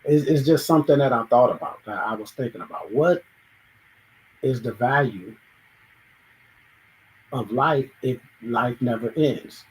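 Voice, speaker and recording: In an unhurried, mid-range voice with many pauses, a male host thinks aloud through a reflective monologue, acting out ordinary exchanges and sometimes restarting. Slight background noise comes through on the rough recording.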